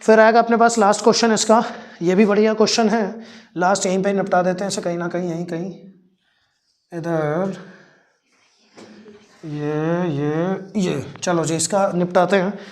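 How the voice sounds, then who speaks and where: A man's voice: sits high, fairly even intonation. Teasing male chemistry teacher. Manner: affectionate, teasing and scolding, calls students "beta"; counts and spells out formulas slowly step by step. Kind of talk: online chemistry class.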